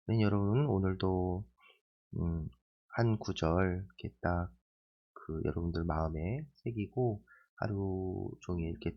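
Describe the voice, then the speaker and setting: A man leading a daily Bible reflection, talking in a relaxed, conversational way with pauses and fillers. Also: low-pitched. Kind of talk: casual spoken Bible reflection. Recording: dull lo-fi recording.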